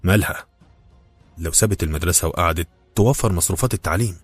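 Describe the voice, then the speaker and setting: A man's voice: low-pitched, quick pace, no echo, soft background music. A man doing a curt, proud Egyptian husband. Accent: Egyptian Arabic. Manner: curt, calm, bitterly sarcastic. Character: proud, curt older Cairene husband fallen on hard times.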